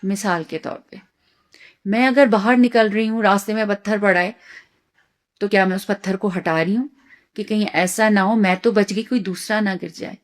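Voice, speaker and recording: Earnest woman giving a religious talk. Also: mid-range voice. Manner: earnest, rhetorical self-questioning. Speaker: Islamic teacher. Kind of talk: religious lecture.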